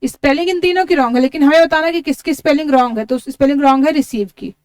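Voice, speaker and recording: Woman teacher, high voice, dry close sound, spells words letter by letter. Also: quick pace, darkish tone, no echo. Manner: explains step by step, repeats words. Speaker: English teacher. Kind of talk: exam-prep lesson.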